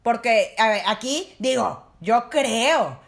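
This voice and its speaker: A woman's voice: fairly high pitch, animated, slow. A middle-aged woman, explaining parenting strategies directly to parents in a casual talk. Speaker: parenting guest expert.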